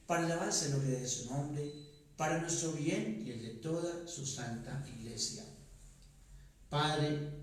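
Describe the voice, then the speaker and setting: A priest chanting and reciting the liturgy in a large church, his fairly high voice rolling through a long cathedral echo. He sounds set back from the microphone, and the slow, deliberate pace lets each phrase hang in the reverb. The delivery moves between sung lines and spoken prayer. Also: a little mellow. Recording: echoey church, voice from far off the mic.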